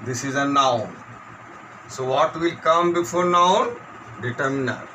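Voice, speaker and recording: A man's voice: medium pitch, pushed and bright, a little hiss or hum, poor audio. A man teaching an English grammar lesson, asking questions and answering them himself. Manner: slow, questioning, answers his own questions.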